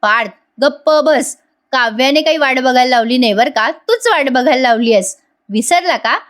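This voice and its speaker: A woman's voice: high-pitched, moderate pace, fairly bright tone. Woman reading as a bustling, scolding mother. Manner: scolding, hurrying everyone along. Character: bustling fussy mother of two grown sons.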